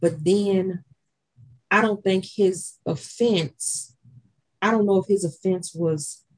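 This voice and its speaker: A woman co-hosting a casual chat about a reality dating show, thinking out loud in long rambling explanations. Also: medium pitch, slow, slightly rough, poor audio.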